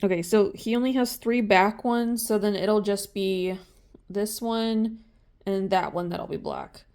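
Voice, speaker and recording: A woman's voice: medium pitch, unhurried, gravelly, darkish tone. Give me a sleepy, rambling woman talking casually while she paints. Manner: chatty, rambling, many fillers. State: sleepy, just woke up. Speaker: crafts vlogger.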